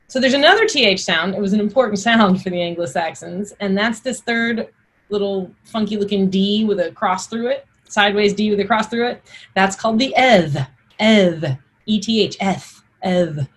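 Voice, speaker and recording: Female instructor, Old English pronunciation lesson; slightly raspy mid voice, informal explainer who clearly models each archaic word. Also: medium pitch. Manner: informal, explanatory, enunciates examples. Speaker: teacher. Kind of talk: spoken pronunciation lesson with Old English words sounded out and recited.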